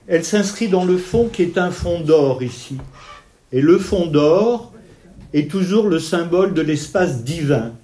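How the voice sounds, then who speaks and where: A man's voice: on the high side, animated, measured pace, dark tone. A man lecturing on art history at an evening talk, explaining paintings step by step while pointing out details and talking with his hands. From Italian family background.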